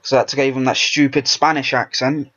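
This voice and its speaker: A man's voice: mid-range voice, level tone, a little fast, fairly bright tone. A man hosting a let's play, chatting casually and rambling while he plays. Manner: rambling, self-interrupting chatter. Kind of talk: casual gameplay commentary. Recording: dull lo-fi recording.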